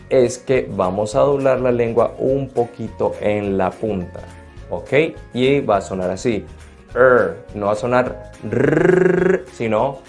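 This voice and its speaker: A man giving an English lesson, explaining verb endings methodically and spelling out each example slowly. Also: medium pitch, a little mellow. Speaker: English teacher. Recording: roomy echo with faint background music.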